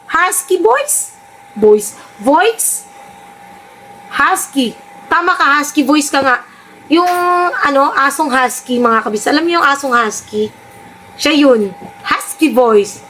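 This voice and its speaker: High-voiced woman, teasing vlogger. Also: unhurried, bright, forceful tone, a little hiss or hum. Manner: teasing, sarcastic, laughing. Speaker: vlogger reacting to clips. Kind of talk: mocking reaction commentary.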